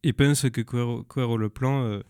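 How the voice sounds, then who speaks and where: A man recommending films in a second language, halting and searching for words as he goes. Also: mid-range voice, steady tone, a little mellow, clear, resonant tone, dry recording, clean studio sound. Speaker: film presenter. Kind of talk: informal spoken film recommendations.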